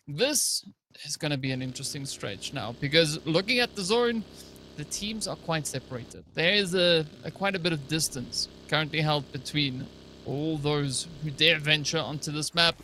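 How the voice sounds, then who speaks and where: A man provides esports color commentary as a co-caster, talking at length in a wordy style full of "like" and frequent "right?" tacked onto his points. His pitch is fairly high and his tone sharp, the pace moderate, with a little hiss or hum on the recording.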